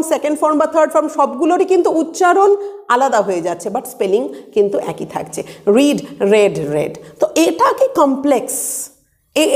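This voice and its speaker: Woman teacher explaining grammar, asks herself questions, high voice. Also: a little mellow. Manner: asks and answers her own questions; reads English examples slowly and deliberately. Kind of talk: exam-prep lesson lecture.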